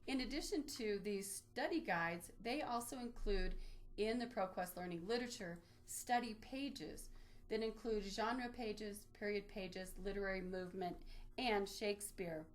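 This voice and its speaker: Her medium-pitched, unhurried voice guides a screen-share tutorial, where she explains the process one step at a time for a webinar audience.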